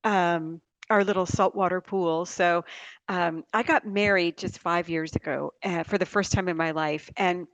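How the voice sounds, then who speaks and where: A woman's voice: on the low side, steady tone, measured pace, fairly bright tone, no echo, dull audio. A middle-aged woman telling rambling, chatty stories as a guest in a casual interview. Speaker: guest author. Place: small backyard writing shed, indoors.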